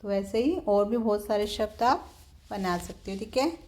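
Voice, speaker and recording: A woman teacher, patiently explaining a textbook lesson to young children, often slowing down to repeat words. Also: mid-range voice, dark tone. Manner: patient, repeats words slowly, keeps saying "theek hai".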